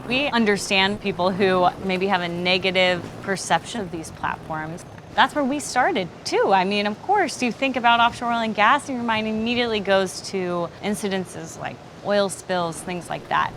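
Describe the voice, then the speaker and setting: A woman's voice: mid-range voice, normal speed, fairly bright tone, slight background noise, low-quality recording. A woman speaking as a marine consultant in a documentary interview.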